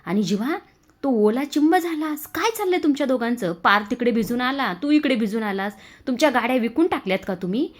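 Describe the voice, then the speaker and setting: A woman voicing a fussy, protective middle-aged mother-in-law who scolds with rapid questions. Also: fairly high pitch, lively intonation, pitched above the performer's own voice. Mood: scolding.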